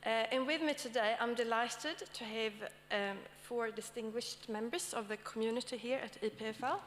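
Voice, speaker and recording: Speaking at a moderate pace in a fairly high pitch, this woman from Sweden opens and moderates a conference session as an academic speaker. Her Swedish accent comes through as she checks in with the audience often, between fillers. Long hall reverb and a faint hum color the recording.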